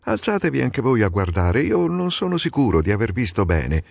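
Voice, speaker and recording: A man's voice: mid-range voice, very animated, fairly quick, vocal fry, long reverb tail, pitched above the performer's own voice. A man doing a proud, irritable older king. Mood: uncertain. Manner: peering, uncertain, then testy. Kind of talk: dramatic audiobook reading.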